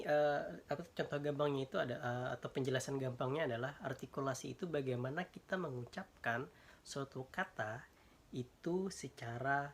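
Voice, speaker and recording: A man's voice: mid-range voice, a bit bright, slight background noise. A young man giving a casual class presentation, explaining ideas with many fillers and restarts. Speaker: student presenter.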